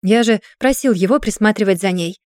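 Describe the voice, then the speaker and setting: A woman's voice: medium pitch, brisk, no echo, studio quality, lightly acted. Woman voicing a bossy, irritable young man. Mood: irritated. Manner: sharp, scolding, exasperated.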